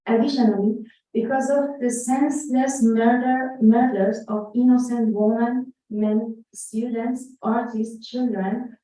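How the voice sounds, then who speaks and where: A woman's voice: on the high side, steady tone, slow, mellow. A young woman with an Iranian accent giving a hesitant conference talk, full of fillers and restarts, partly reading a statement aloud. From Iran. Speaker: conference speaker. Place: conference room. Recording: echoey hall, distant dull mic.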